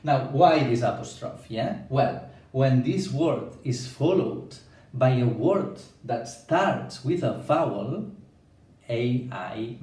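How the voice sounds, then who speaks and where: A man's voice: mid-range voice, darkish tone, far from the mic. A man in his thirties giving a language lesson at a whiteboard, explaining step by step and often checking with a questioning "yeah?". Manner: points at a whiteboard while explaining. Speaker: language teacher. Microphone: camera a few feet away. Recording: roomy echo, voice a little off-mic.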